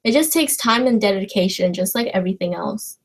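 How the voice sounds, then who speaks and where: Her mid-range voice is expressive and brisk as she addresses viewers in a casual livestream. She's a young Chinese woman answering questions in a rambling, hesitant manner.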